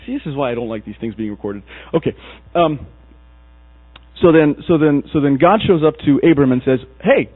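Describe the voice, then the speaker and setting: A man preaching a sermon in a casual, animated storytelling way, slipping into acted asides. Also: mid-range voice, fairly quick. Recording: tinny lo-fi recording with mains hum.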